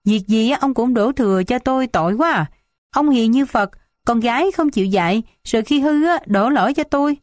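A woman's voice: expressive, brisk, darkish tone, no room sound, studio quality, lightly acted. A woman voicing a scolding, dramatic old village matriarch in an audiobook. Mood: wailing. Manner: shrill, complaining, wailing.

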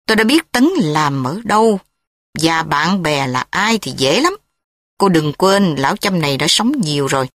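Brief: a woman doing an old scheming uncle in a storybook reading, low-key, menacing, dry sound. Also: fairly bright tone, no echo. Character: older man, scheming threatening uncle.

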